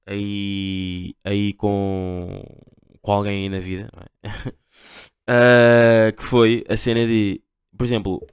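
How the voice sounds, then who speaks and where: A man's voice: mid-range voice, clear, resonant tone, no room sound, studio quality. A young man with a Portugal accent hosting a casual solo podcast, rambling in slang with constant fillers. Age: young adult. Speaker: podcast host.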